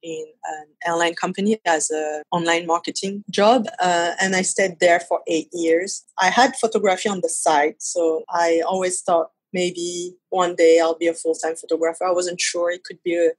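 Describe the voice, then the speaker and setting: A woman's voice: on the low side, fairly even intonation, moderate pace, few pauses, dry recording, low-quality recording. A woman in her thirties from France with a French accent, a photographer talking casually in an interview, laughing easily and using hesitant fillers. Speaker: guest photographer.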